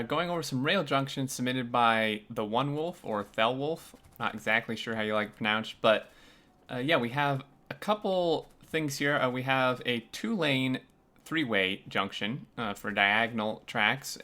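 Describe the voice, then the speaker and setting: A man's voice: medium pitch, sharp tone. A man hosting a casual video game review, talking with many filler sounds. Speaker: host. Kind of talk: casual gameplay review chat.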